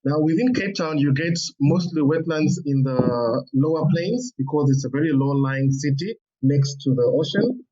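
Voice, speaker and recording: A man's voice: on the high side, animated, normal speed, few pauses, dark tone. A man giving an informative contribution in an online webinar. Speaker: workshop participant. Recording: dull, distant online call microphone.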